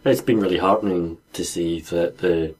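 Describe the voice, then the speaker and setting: A Scottish man co-hosts a podcast, telling stories and musing thoughtfully in casual chat with light laughs. His low, husky voice has a darkish tone and fairly even intonation at normal speed, and the recording is rough.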